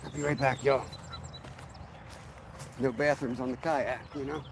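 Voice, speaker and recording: A man of ordinary pitch hosts a casual fishing vlog from a riverbank. He talks in a relaxed, easygoing way and addresses his viewers directly, with faint outdoor noise behind him. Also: measured pace, vocal fry. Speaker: fishing channel host.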